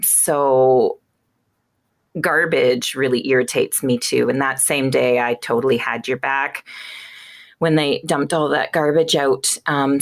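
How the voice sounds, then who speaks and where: A woman hosting a family podcast, telling an animated story and acting out the voices in it. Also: sits low. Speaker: podcast host. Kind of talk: casual storytelling chat.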